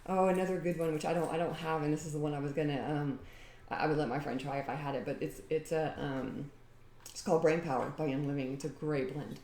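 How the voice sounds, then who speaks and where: A woman's voice: deep voice, fairly even intonation, quick pace, dark tone, roomy sound, slight background noise. A woman chatting casually at home, rambling and laughing as she demonstrates a homemade recipe. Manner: rambling and talkative, often laughing. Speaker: home DIY vlogger.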